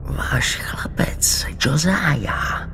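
A man voicing a sinister old male child-snatcher, speaking in a slow, raspy, hoarse whisper. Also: fairly high pitch, sing-song, voice pushed up. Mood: coaxing menace. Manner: slow, drawn-out, coaxing.

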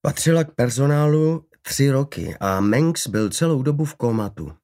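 A man reading an audiobook in a measured, steady narrating voice. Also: medium pitch.

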